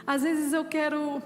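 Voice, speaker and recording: Fervent woman pastor in echoing church. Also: high voice. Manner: fervent preaching with personal testimony. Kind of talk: sermon.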